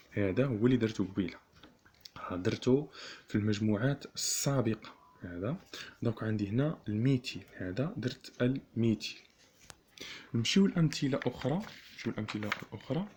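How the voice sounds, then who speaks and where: A man with a Moroccan Arabic accent teaching chemistry, repeating each term slowly and asking the class rhetorical questions. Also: mid-range voice, dark tone, a little hiss or hum. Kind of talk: classroom lesson explaining notation.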